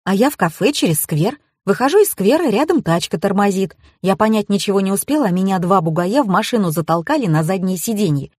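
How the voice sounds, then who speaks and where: An excitable young woman, dramatic and loud, her voice high and shrill, as a woman reads her in an audiobook. The husky tone sits in a dry, close recording. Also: quick pace, few pauses, no room sound. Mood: indignant. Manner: shrill and breathless, higher pitched.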